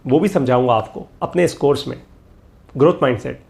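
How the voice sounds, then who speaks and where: A middle-aged man teaches a motivational course in a mid-range, gravelly, darkish voice at a fairly quick pace. He's emphatic and repetitive, repeating key lines and mixing English phrases into his talk.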